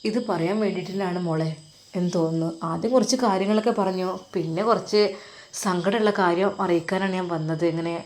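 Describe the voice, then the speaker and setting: A woman with a Malappuram Malayalam accent voicing a loving middle-aged father who gently comforts his daughter in a storybook reading. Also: on the low side, steady tone, fairly quick, lightly acted. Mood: reassuring. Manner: gentle, soothing, reassuring.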